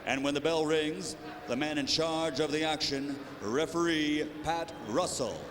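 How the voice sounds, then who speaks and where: A man announcing a boxing match in a big ceremonial lucha libre style, drawing out and shouting titles and names over an arena sound system. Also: on the high side. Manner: drawn-out shouted build-ups on titles and names. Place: large indoor arena over public address. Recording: loud crowd noise in a sports arena.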